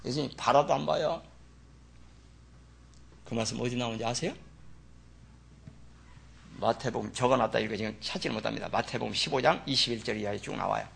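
A pastor preaching a sermon in an animated, folksy way. He speaks to the congregation with dialect asides. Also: medium pitch, fairly quick, gravelly, long pauses, husky. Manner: animated, acts out Bible figures in dramatic voices.

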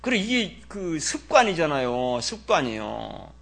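A male pastor preaching in church, his voice gravelly and a little husky. He sits somewhat high for a man and swings widely in pitch, dropping to low asides and then rising to loud scolding. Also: very animated, unhurried. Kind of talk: sermon.

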